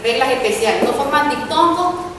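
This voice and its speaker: A woman's voice: high-pitched, expressive, moderate pace, a little hiss or hum. A woman teacher giving a spelling lesson, repeating points and often checking in with the class. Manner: repetitive, checks with students using ¿verdad?. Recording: echoey room, mic far off.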